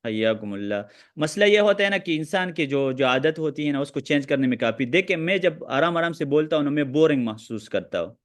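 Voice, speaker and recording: A man teaching a hadith lesson who talks quickly and quotes Arabic texts while answering questions. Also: fairly high pitch, expressive. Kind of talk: online lecture with questions.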